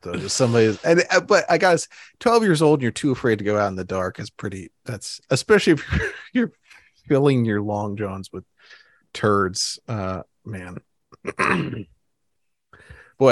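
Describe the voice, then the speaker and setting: A man's voice: on the low side, very animated, moderate pace, no room sound, clean studio sound. A man co-hosting a casual chat, joking crudely and laughing often. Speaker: podcast co-host.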